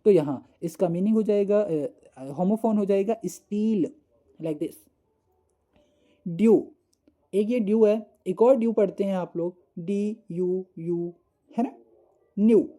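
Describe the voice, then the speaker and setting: A man teaching a school English lesson, explaining patiently and reading English definitions slowly word by word. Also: high voice, warm tone.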